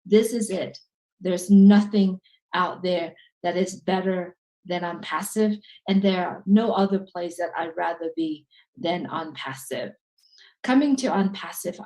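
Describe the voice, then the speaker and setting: A businesswoman co-hosting a webinar over a video call, speaking as a with an emphatic sales pitch. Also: a little mellow, low-quality recording. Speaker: webinar co-host.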